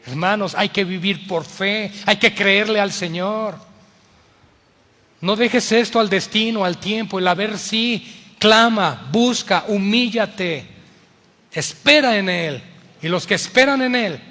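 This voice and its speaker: High-voiced Mexican pastor preaching. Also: male voice, slow pace, big-room sound. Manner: impassioned, swings from loud to hushed. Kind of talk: sermon.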